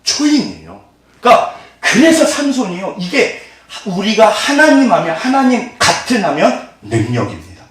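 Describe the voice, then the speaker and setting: This middle-aged pastor's voice sits high and moves at a moderate pace as he preaches, quizzing the congregation through call-and-response and laughing often in an animated way. It's recorded in an echoey church sanctuary from a distant mic.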